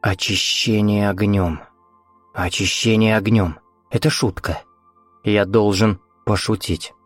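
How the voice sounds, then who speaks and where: Man doing a hoarse stuttering ghostly grandfather. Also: on the low side, fairly even intonation, takes it slowly, no echo, soft background music. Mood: menacing. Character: creepy grandfather spirit, hoarse, rough, stuttering.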